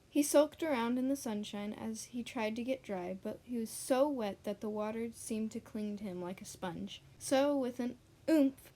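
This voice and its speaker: Woman narrator, children's storybook, gentle and expressive, slightly high.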